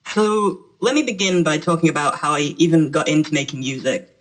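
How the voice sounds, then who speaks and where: A man's voice: a little high, lively intonation, fairly quick, pitched above the performer's own voice, rough recording. A man voicing a little male mascot presenter through a voice changer, talking in a chatty, rambling way. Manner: chatty, rambling, self-correcting. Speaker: channel presenter. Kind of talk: casual talk to camera.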